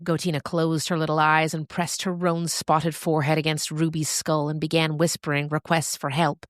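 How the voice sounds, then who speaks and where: A low-voiced woman narrates a story for a podcast, with expressive, deliberate phrasing and dramatic pauses. The recording is close and dry, without any room sound.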